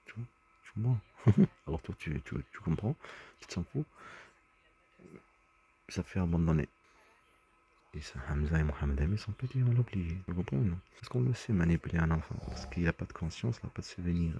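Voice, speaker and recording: A man's voice: sits low, animated, quick pace, dark tone, slightly rough. A man talking in a rambling personal monologue, agitated and often stumbling over and repeating his words. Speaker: vlogger.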